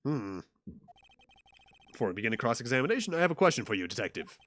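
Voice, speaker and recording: A man voicing a stern elderly judge in a slow, low, measured way. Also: big pitch swings, a bit bright.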